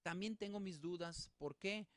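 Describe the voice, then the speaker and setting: A man teaching a Bible study in a relaxed spoken way, working through examples with many fillers and restarts. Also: sits high, moderate pace, no echo.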